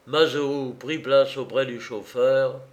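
A man narrating a novel in a measured, expressive storytelling voice. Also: medium pitch. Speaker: audiobook narrator.

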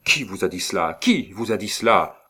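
A man reading as a feverish count in his sickbed, low-voiced and frightened, stammering his pleas. His words come slowly and tremble with dread, read aloud from a storybook. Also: fairly even intonation, heavily acted. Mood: anguished. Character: frightened, feverish sick male count, pleading.

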